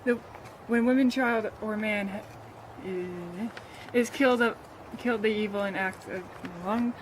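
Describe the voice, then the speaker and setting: A woman playing a grieving friend of a slain queen, a sly orator who speaks haltingly, in an amateur play. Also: mid-range voice, slight background noise, natural voice, poor audio. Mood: mournful. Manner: halting, hesitant speech-making.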